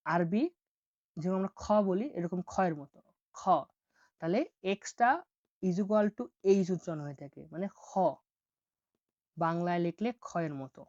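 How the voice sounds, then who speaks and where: A woman teaching a language lesson, slowly repeating each example word several times. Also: fairly low pitch, dark tone, no room sound, lo-fi sound.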